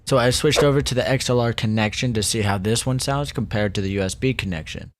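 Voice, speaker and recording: A man giving a relaxed, step-by-step review of a streaming microphone at his desk, speaking about three inches from a dynamic mic. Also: medium pitch, fast talker, no echo. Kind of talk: casual product review. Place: desk streaming setup, indoors. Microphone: studio dynamic mic about three inches away.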